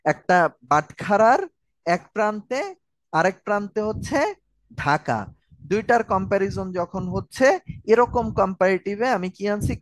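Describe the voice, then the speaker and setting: A man's voice: sits high, no echo, poor audio. A man giving an online grammar lecture, explaining step by step and answering viewer questions. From Bangladesh. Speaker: grammar tutor.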